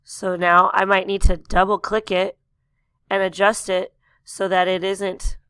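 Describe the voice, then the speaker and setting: A woman teacher talking through a software tutorial step by step, losing her voice, with coughs and throat clearing. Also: mid-range voice, level tone, measured pace, dry recording. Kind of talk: screen-recorded software tutorial.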